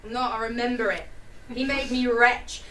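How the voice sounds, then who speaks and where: Casting: actress as sour, sarcastic young woman in a staged play reading; high, bright, emphatic. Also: fairly even intonation, moderate pace, reverberant. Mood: exasperated, defiant. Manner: sarcastic, emphatic, swings into mock-archaic exclamations. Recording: distant mic, faint noise.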